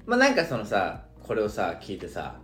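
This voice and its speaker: A man's voice: fairly low pitch, wildly swooping pitch, a little fast, a bit bright, reverberant, a little hiss or hum. A man co-hosting a casual drinking podcast, chatting and laughing with friends. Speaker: podcast co-host. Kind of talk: casual chat while drinking.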